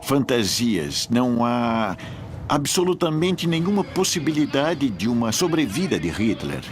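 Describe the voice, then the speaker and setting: A man's voice: mid-range voice, very animated, a little slow. A man giving dubbed interview commentary for a documentary. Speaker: voice-over dubber of an expert interviewee. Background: faint music.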